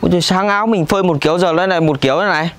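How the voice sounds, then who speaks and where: A man, ranting and cursing loudly in a scripted comedy sketch. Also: high-pitched, very fast. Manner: loud indignant ranting, cursing.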